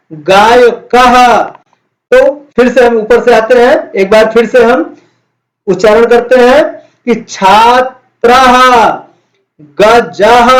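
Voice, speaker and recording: Indian sanskrit teacher guy, high voice, says every word slow so kids can repeat. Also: poor audio. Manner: slow, drawn-out drill of each word. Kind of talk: classroom lesson explaining words.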